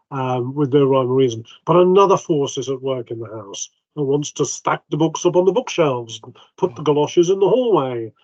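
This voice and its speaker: A man's voice: a little high, a little mellow, dry recording. Chatty man running a tabletop game. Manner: chatty, hesitant with ums, plays the vicar in quotes. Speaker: game master. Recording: dull, dry home mic.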